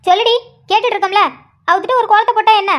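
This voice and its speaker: A woman's voice: very high voice, fairly even intonation, racing. A woman voicing a preachy village mother who scolds her grown daughter. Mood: nagging. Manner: nagging, preachy.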